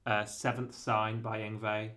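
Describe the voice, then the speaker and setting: A man's voice: fairly low pitch, level tone, a little slow, a bit bright. A man giving a casual guitar lesson, rambling and correcting himself often, with lots of fillers. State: has the hiccups. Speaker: guitar teacher.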